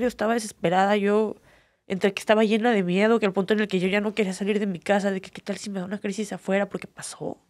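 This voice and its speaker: A woman's voice: mid-range voice, darkish tone, no echo. A young woman with a Mexican accent, an MMA fighter telling her story earnestly in an interview, with many fillers. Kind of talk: candid personal interview.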